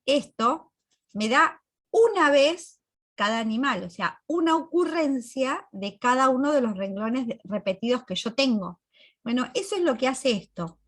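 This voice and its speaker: A woman's voice: high-pitched, a bit bright. Woman teaching a computing class. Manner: explains step by step, checks in with students. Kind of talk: recorded class walkthrough.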